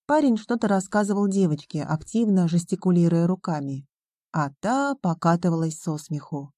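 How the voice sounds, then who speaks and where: A woman reads an audiobook in a measured, even way. Her voice sits low, with a dark, mellow tone. The sound is dry and close. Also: dry recording. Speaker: audiobook narrator. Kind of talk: scripted audiobook narration.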